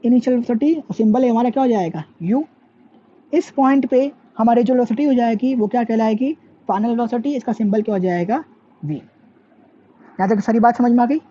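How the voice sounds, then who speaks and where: A woman's voice: a little high, normal speed, warm tone. A woman teaching physics in a classroom lecture, who asks questions and answers them herself and mixes English terms into her talk. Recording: dull lo-fi sound with faint background noise.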